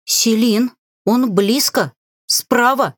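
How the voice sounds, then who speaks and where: A woman's voice: a little high, very slow, no echo, clean studio sound, pitched above the performer's own voice. A woman voicing a cowardly female crow familiar who talks in a nervous, reproachful way. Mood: anxious.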